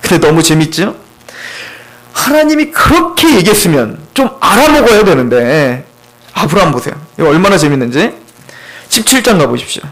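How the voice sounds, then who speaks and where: A man preaching an expository sermon as pastor, in an animated, conversational way full of rhetorical questions, in a church. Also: fairly high pitch, normal speed, rough recording. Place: church sanctuary.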